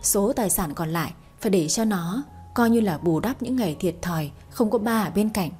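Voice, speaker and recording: A woman's voice: mid-range voice, lively intonation, a little fast, darkish tone, slightly rough, soft background music. A woman voicing a tearful middle-aged man in debt in a read-aloud story. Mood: confessing.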